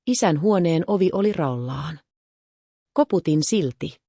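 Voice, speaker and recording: A woman narrating a first-person story in a calm, measured way. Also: fairly low pitch, breathy edge, dry recording, studio quality.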